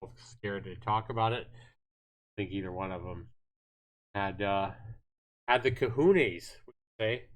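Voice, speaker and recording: A man with a voice on the low side casually livestreams a visual novel, rambling and halting as he talks to viewers and reads the game text aloud.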